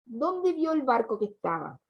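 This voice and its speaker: High-pitched gravelly teacher. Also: female voice, big pitch swings, normal speed. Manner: patient, questioning, repeats answers. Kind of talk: online class lesson. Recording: dull lo-fi recording.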